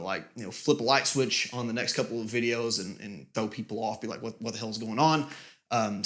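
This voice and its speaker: A man casually giving a channel update with lots of fillers, his voice booming with reverb in a nearly empty studio room. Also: a bit bright. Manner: rambling, many fillers and restarts. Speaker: music channel host.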